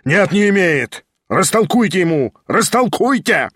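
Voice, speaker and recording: A man's voice: a little high, moderate pace, dry recording, studio quality, lightly acted. A man voicing an enraged nobleman at a duel, screaming and frantic. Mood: raging. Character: enraged male nobleman dueling, shrieking.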